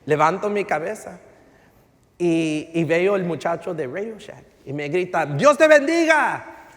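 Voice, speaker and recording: A male pastor, telling a story in a relaxed sermon and slipping into English phrases. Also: on the high side, a little slow. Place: church sanctuary. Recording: reverberant church hall.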